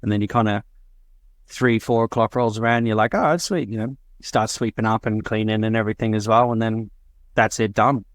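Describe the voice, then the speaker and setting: A man with a lowish voice co-hosts a podcast, chatting casually and rambling with lots of filler words at a slightly fast pace. The recording is dry, with clean studio sound.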